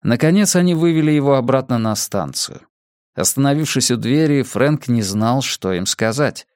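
A man reading an audiobook with measured, expressive narration. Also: mid-range voice, no room sound, studio quality.

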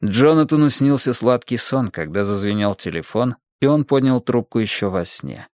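A man reading a novel aloud in a measured, even narration. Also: mid-range voice, no room sound, clean studio sound. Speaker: audiobook narrator. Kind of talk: scripted narration.

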